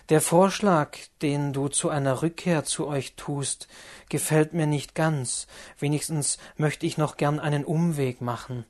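A man narrating a classic novel as an audiobook, measured and solemn. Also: medium pitch.

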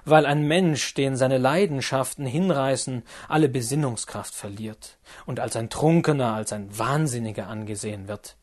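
A man's voice: mid-range voice, normal speed, hardly any pauses, close to an everyday voice. A man voicing a sober, reasonable young man who argues in a firm, matter-of-fact way in an audiobook reading. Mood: firm, impatient.

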